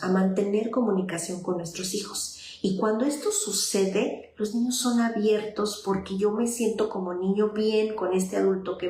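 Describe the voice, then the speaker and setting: A woman child psychologist, giving parents patient guidance and acting out gentle talks with children. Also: mid-range voice, reverberant. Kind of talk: informal live talk to parents.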